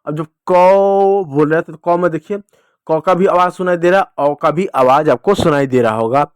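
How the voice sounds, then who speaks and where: A man with a slightly raised voice teaches children letter by letter, drawing out each sound slowly and repeating his own questions to them. The recording is dry and close, with no room echo. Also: on the high side, clear, resonant tone. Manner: slow, drawn-out sounding of letters. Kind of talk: children's reading lesson.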